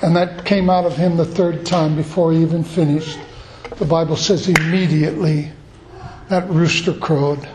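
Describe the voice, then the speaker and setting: Man preaching, earnest storyteller, high voice, echoey church hall, faint room hiss. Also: fairly even intonation, normal speed. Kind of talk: sermon.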